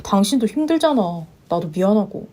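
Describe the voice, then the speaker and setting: A woman voicing a gentle, supportive young husband who speaks softly and reassuringly in a narrated story. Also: animated, fairly quick, natural voice. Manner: soft, reassuring, low-voiced. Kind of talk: story narration with voiced roles.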